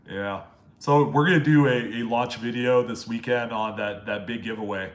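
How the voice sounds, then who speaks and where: With a mid-range, unhurried, nasal voice, a young man from Maryland on the US East Coast fields chat questions during a relaxed live Q&A. He reads out viewer names in a rambling, friendly manner, and the audio is reverberant.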